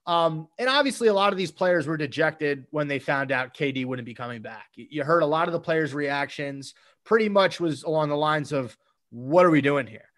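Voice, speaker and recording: A man co-hosting a casual sports talk show, animated as he rattles off game stats and recaps plays. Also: on the high side, fairly quick. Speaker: sports podcast co-host.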